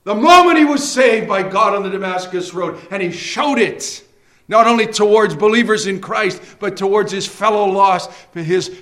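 A man delivers a fervent sermon in a high-pitched, bright and forceful voice. He preaches emphatically, putting rhetorical questions to his listeners and answering them with conviction. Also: echoey room. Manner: emphatic, impassioned preaching that rises to shouting; repeatedly addresses listeners as friends.

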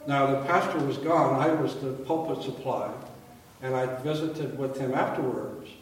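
A man preaching in a large church, his voice rolling through a cathedral echo with a long reverb tail. He sounds far from the microphone, with a faint low hum underneath. He speaks in a measured, earnest tone. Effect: cathedral echo, voice ringing through a large hall. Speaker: pastor leading a communion service. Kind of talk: sermon and spoken liturgy. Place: large church sanctuary, indoors. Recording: echoey hall, voice picked up from far off, faint background hum.

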